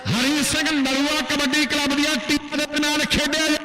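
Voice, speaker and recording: A man's voice: very high-pitched, little pitch movement, moderate pace. A man with a Punjabi accent doing live commentary and public announcements at a kabaddi match. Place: outdoor kabaddi tournament ground. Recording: echoing outdoor PA system.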